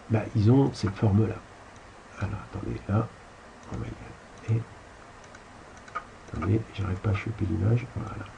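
A man's voice: fairly low pitch, gravelly, dark tone, muffled recording, slight background noise. A man giving a casual spiritual lecture over slides, rambling and colloquial, with crude asides. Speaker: spiritual teacher.

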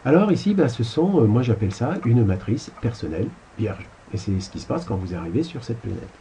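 A man's voice: mid-range voice, sing-song, fairly quick, mellow, slight background noise, poor audio. A man giving a casual spiritual lecture over slides, rambling and colloquial, with crude asides. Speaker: spiritual teacher.

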